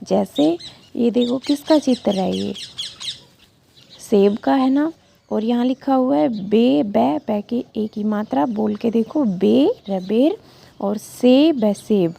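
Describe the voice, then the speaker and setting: A woman's voice: on the high side, slow, creaky, mellow, slight background noise. A woman teacher giving a reading lesson to young children, patiently sounding out syllables and asking the class questions. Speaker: school teacher.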